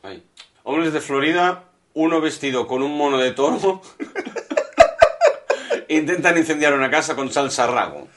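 A man's voice: fairly high pitch, expressive, unhurried, pauses often, a bit bright, slight background noise. A man co-hosting a podcast, reading out odd news and questioning it in casual chat. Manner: reads headlines aloud, questioning, laughs easily. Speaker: podcast co-host.

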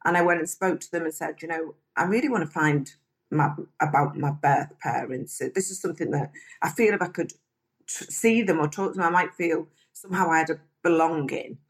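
A woman's voice: low voice, brisk. A woman, an interview guest telling her life story frankly and chattily. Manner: frank, chatty, mimics people when quoting them. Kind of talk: candid personal storytelling.

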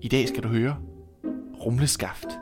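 A Danish man reading a fairy tale aloud in a calm, measured storytelling manner. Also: medium pitch, over music.

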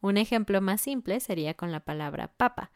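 Clear-voiced Mexican woman teaching Spanish. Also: mid-range voice, lively intonation, no echo, studio quality. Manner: slow emphatic reading of riddles. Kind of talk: podcast lesson with riddles.

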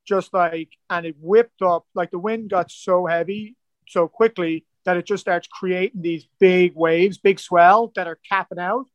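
Irish man with a high voice and a dry close sound, a guest telling a story in a loose, rambling way. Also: fairly even intonation, unhurried, no echo, highs cut off. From Ireland. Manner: rambling, full of "like" and "kinda" fillers. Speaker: guest, ocean rower. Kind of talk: casual storytelling interview.

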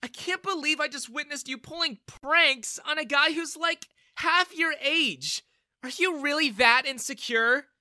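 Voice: mid-range voice, very animated, unhurried, pushed and bright, dry recording, studio quality, pitched above the performer's own voice. A narrator voicing an earnest, protective, fiery young woman in a dramatised audio story, with an emotional manner. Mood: angry. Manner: emotional, indignant, pleading. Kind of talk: dramatised first-person web-novel audio story.

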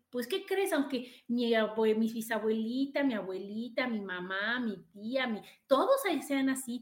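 A woman with a Mexican accent hosting a motivational podcast monologue, animated and repeating phrases for emphasis. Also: on the high side, echoey room. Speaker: podcast host.

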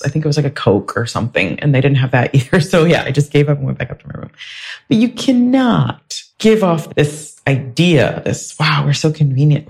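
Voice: medium pitch, vocal fry, breathy edge. Chatty solo podcast host. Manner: chatty, animated retelling with filler words.

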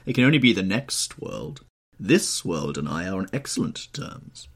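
An urbane, cynical gentleman, acted by a male audiobook reader. He delivers polished witticisms suavely, with animated intonation. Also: deep voice, moderate pace, exaggerated voice. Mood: mock serious. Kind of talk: audiobook character voice.

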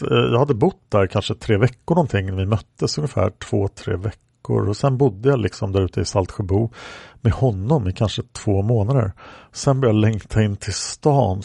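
A man's voice: fairly low pitch, gravelly, dark tone, breathy edge, no echo. A man reading aloud a woman's answers in a police interrogation record, rambling with many fillers. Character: woman questioned by police, plain-spoken.

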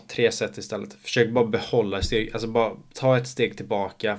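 A young man in his twenties, slightly hoarse from shouting, talking alone in a casual monologue podcast, rambling with many fillers and casual swearing. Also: fairly low pitch. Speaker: podcast host.

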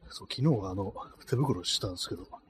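Walking down a street at night, a podcast host talks fast and animatedly in a fairly low voice, rambling and filling gaps with fillers. He records his casual solo show on a phone gripped in cold hands. There is faint street ambience and slight background noise.

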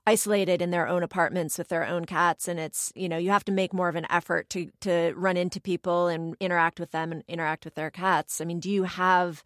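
A woman's voice: fairly low pitch, fairly even intonation, brisk, hardly any pauses, dry recording. Woman, host, casual chat, reactive, dry close sound. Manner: warm reactive listener, asks questions.

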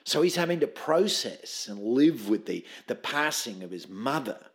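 An actor playing a pompous, theatrical drama-club man interviewed in a mockumentary, who talks in a formal, grandly measured way. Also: medium pitch, sing-song, slightly rough. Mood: grave.

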